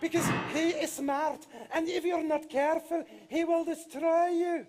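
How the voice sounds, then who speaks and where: A man voicing the giant's suspicious old mother, giving shrill, insistent warnings. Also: fairly even intonation, measured pace. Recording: live stage with music.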